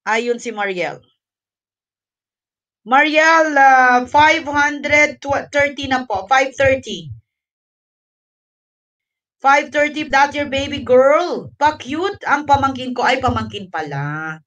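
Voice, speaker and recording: On a casual livestream, a breathless, chatty woman thanks viewers and blends English into her Tagalog. Her high voice is animated and fairly bright, slow with long pauses, and the recording is muffled and from a distance.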